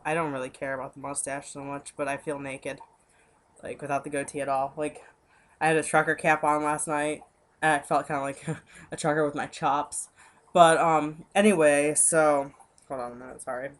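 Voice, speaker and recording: A man's voice: fairly high pitch, flat delivery, fairly bright tone. A young man records a casual vlog into his webcam at home, his voice congested and stuffy from a cold. He speaks earnestly and personally, stopping and restarting often with lots of "like" and "um" as he gathers his thoughts. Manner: hesitant, halting, full of "like" and "um".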